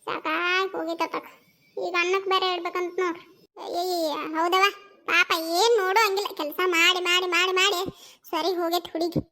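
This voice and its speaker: A woman's voice: very high voice, bright, forceful tone, full character voice. A woman voicing bickering village women in a cartoon family, with a North Karnataka accent. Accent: North Karnataka Kannada. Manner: scolding, teasing banter.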